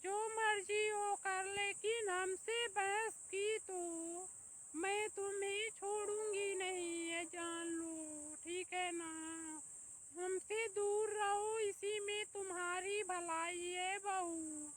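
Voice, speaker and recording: Comic cartoon: a nagging old mother-in-law, wailing and shrill, very slow, voiced by a woman. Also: fairly even intonation, a little hiss or hum. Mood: scolding. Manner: scolding, shrill.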